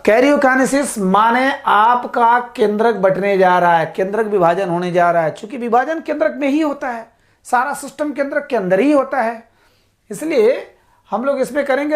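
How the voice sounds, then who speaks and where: A woman teacher explaining biology terms to students, repeating key words and checking in after each point. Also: fairly high pitch. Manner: repeats "ठीक है" to check understanding, drills terms slowly; addresses students as "साथियों". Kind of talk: whiteboard lecture.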